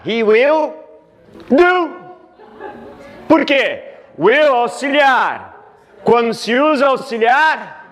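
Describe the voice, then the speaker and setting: Slow, lively-voiced woman teaching English. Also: mid-range voice. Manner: slow, drilling letters for repetition. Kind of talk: basic English lesson.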